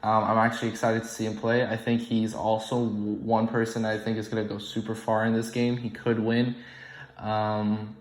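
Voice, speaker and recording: A man's voice: fairly low pitch, monotone, normal speed. A young man who was born in the UK, hosting an online game and rambling casually with many ums and restarts. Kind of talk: casual unscripted commentary. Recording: echoey room, poor audio.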